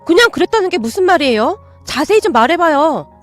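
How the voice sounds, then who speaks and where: A woman's voice: sing-song, a little fast, faint music behind. A woman doing a chattering, tactless sister-in-law. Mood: needling. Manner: chattering, needling, shrill when upset.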